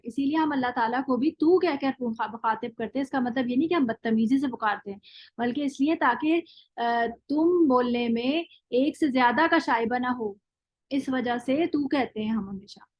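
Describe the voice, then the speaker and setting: A woman with Urdu as her first language gives a grammar lesson, her voice sitting a touch high. She explains step by step and recites word forms slowly in a row. The audio is dry and dull, with no room sound. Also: no echo. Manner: explains step by step, often checks with "thik hai"; drills word forms slowly, one at a time. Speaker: Arabic grammar teacher. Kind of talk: classroom lecture.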